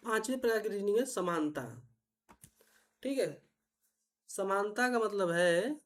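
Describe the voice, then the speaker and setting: A woman teacher, patiently explaining reasoning puzzles step by step and often asking if it is clear. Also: medium pitch, a little slow. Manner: patient, repetitive, checks understanding often.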